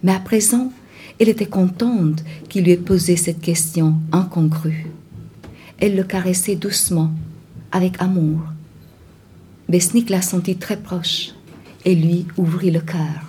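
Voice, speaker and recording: Low, mellow woman narrator. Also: a little hiss or hum. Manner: measured, calm reading with small slips. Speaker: audiobook narrator. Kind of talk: novel reading.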